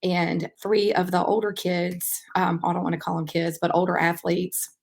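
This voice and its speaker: Woman, 30s, podcast host; low, flat-toned, reflective faith talk, loose and filled with ums. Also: normal speed, creaky, breathy edge. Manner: relaxed, reflective, many ums. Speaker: podcast host and track coach. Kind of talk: casual faith-based podcast monologue.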